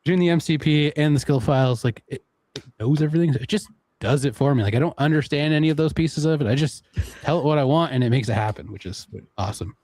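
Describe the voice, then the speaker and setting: A man with a Canadian accent presenting a live software demo in a casual, chatty way, laughing now and then. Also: a little high, fast talker, no room sound.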